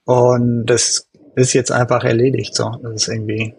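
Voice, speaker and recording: A man's voice: medium pitch, flat delivery, moderate pace, gravelly, a little mellow, slight background noise. A man talking casually on a tech podcast, loose and colloquial with frequent hedges. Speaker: podcast guest.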